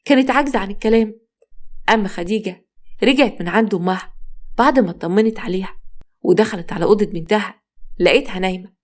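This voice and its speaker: A woman with an Egyptian accent narrating a dramatic story in a brisk, even way. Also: mid-range voice. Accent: Egyptian Arabic.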